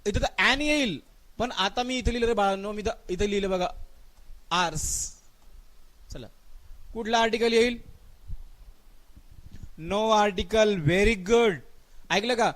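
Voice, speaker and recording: A man with a Marathi accent teaching English grammar in a live online class, quizzing students and urging quick answers while drawling out the example sentences. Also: high-pitched, a bit bright.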